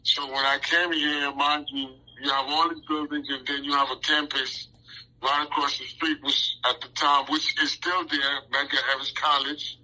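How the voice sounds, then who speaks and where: A man's voice: a little high, little pitch movement, normal speed, pushed and bright, low-quality recording. A man in his forties, born in Haiti, answering interview questions in a casual, rambling way with lots of fillers and restarts. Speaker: interview guest.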